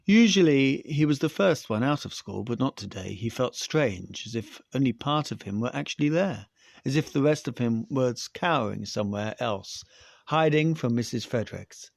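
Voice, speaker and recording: A male podcast host reading a science fiction story aloud in a steady, even manner. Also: mid-range voice, moderate pace, gravelly, dry recording, studio quality.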